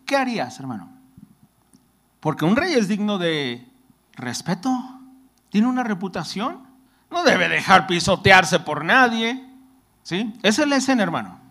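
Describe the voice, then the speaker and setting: A male preacher with a notably high voice speaks directly to his listeners and keeps calling them brother. He reads scripture aloud, then retells it in plain words and follows it with rhetorical questions. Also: sing-song, a little slow, pauses often, sharp tone. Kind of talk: sermon.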